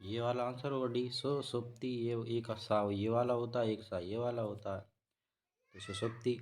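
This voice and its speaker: A man teaching a spelling lesson for exam preparation, repeating each word slowly and correcting himself as he goes. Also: medium pitch, little pitch movement, darkish tone. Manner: slow, repetitive explaining, self-correcting. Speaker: Hindi teacher.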